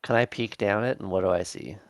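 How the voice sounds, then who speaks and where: A man's voice: on the low side, brisk, no echo, studio quality. A man talking casually as a player in a tabletop game.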